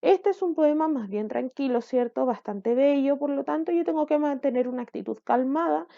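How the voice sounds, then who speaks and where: A woman's voice: high-pitched, moderate pace, gravelly, lo-fi sound. A woman teacher gives a recorded online lesson to children, explaining step by step and checking in with "¿ya?". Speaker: school language teacher.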